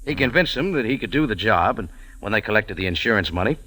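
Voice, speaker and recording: A lead actor narrates in first person as a hard-boiled cafe owner and amateur detective in a 1940s-50s radio drama, clipped, dry and wry, with music underneath. His lowish voice is expressive, fast, pushed and bright, cool as he explains things. The old recording is rough.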